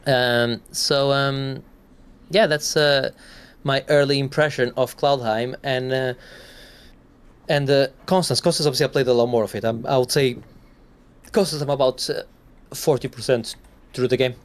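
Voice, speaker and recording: A man's voice: medium pitch, fairly even intonation, normal speed, smooth. A man co-hosting a gaming podcast, talking in a rambling, casual way and swearing now and then. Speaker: podcast co-host.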